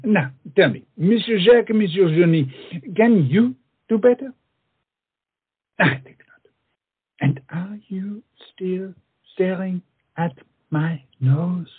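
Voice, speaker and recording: In a comic stage play, a pompous, flamboyant, big-nosed French swordsman, witty and proud, speaks in a high, breathy, heavily acted voice, indignant and scornful. He is animated yet unhurried and pauses often, mocking theatrically and peppering his lines with French phrases. The stage recording sounds muffled and tinny.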